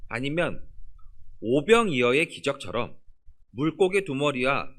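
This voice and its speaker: A man preaches a sermon from the pulpit of a church, and his pitch climbs and falls in an animated sweep. When he reads scripture he lets the closing words sink down low and soft. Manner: preaching with lively rises and falls, dropping low on scripture endings. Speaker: pastor. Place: church sanctuary.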